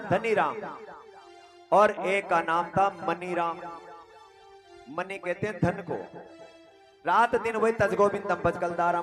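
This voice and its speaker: A man telling a religious story in an animated sermon, speaking straight to his listeners. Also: sits high. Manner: animated, addresses the audience directly. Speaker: Ram Katha preacher. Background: music.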